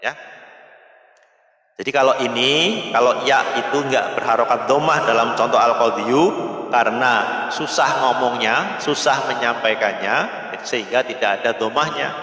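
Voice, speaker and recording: A man's voice: mid-range voice, moderate pace, sharp tone. Guy teaching arabic grammar, patient, keeps repeating the point, long reverb like a big room. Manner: explains patiently, repeats points, mixes in Arabic text and Javanese glosses. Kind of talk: pesantren kitab lesson. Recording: echoey hall with long reverb.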